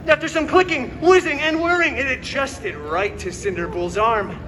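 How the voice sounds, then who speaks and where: Filmed from the audience at an outdoor theme park, this noisy crowd recording captures a man in costume hosting a live story show. Playing a cocky, wisecracking comic-book antihero, he tells a fairy tale theatrically with sarcastic, self-mocking asides, his very high voice pushed and bright at normal speed.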